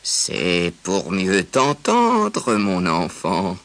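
A man voicing a sly, hungry big bad wolf in a storybook reading, talking in a slow, drawn-out growl. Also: low-pitched, huge pitch swings, a bit bright, heavily acted. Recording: music bed under voice.

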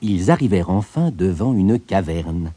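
A man narrating a fairy tale in a lively, expressive storytelling manner. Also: sits low, moderate pace, slightly rough, no room sound. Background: soft background music.

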